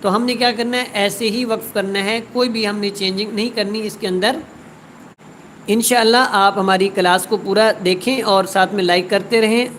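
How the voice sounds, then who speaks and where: A woman teaching a word-by-word Quran tajweed lesson. She recites each word slowly and drawn out, then explains quickly. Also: mid-range voice, steady tone, slight background noise, poor audio.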